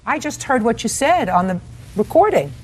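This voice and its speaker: A woman judge questioning litigants in a courtroom, sharp and interrupting, scolding them. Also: a little high, very animated, moderate pace, breathy edge.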